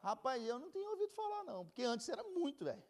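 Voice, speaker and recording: High-voiced Brazilian man teaching Bible. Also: very animated, racing, a little mellow. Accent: Brazilian Portuguese. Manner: chatty, jokes and laughs while teaching. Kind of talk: casual Bible class.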